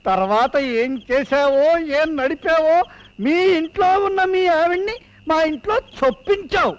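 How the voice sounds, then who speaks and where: A man's voice: extremely high pitch, lively intonation, normal speed, muffled recording. An actor playing a mocking, carefree male neighbor who talks in a sing-song way. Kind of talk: film dialogue.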